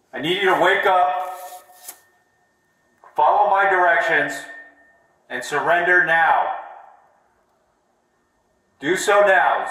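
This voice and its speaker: A man's firm, commanding voice booms through a megaphone as he repeats orders outside a building. The amplified sound bounces with heavy echo and reaches the mic from far off. His pitch sits a little high. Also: sharp tone. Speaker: police officer. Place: outdoors outside an apartment building. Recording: echoey megaphone heard from afar.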